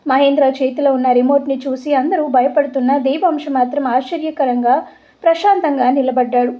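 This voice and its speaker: High-voiced woman narrating a story. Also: lo-fi sound.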